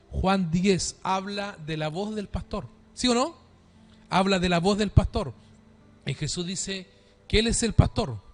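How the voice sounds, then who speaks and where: A man preaching a sermon as pastor to his congregation, asking rhetorical questions and calling for amens. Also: sits high. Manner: dynamic preaching, calls for amen, rhetorical questions. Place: church.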